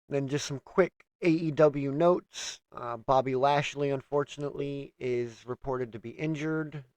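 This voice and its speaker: A man's voice: mid-range voice, a little mellow, no echo. A man hosting a casual wrestling review, steadily running through a list of news items. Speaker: host.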